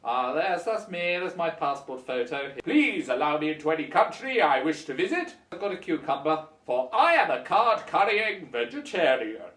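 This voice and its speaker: A man's voice: on the high side, big pitch swings, normal speed, few pauses, fairly bright tone, echoey room, recorded from a distance. A man putting on the voice of a smug self-declared vegetarian, mocking and exaggerated. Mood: prissy smugness. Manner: mocking, sing-song, exaggerated.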